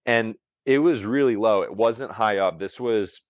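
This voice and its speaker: Low-voiced man rambling through a story. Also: a little slow, dry recording, muffled recording. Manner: rambling, heavy use of "like" and restarts. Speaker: podcast guest, longevity coach. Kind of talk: casual storytelling interview.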